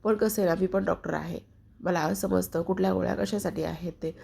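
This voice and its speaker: A woman's voice: fairly low pitch, fairly even intonation, a little fast, gravelly, warm tone, breathy edge, exaggerated voice. A suspicious young husband pressing questions , as a woman narrator voices him. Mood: probing.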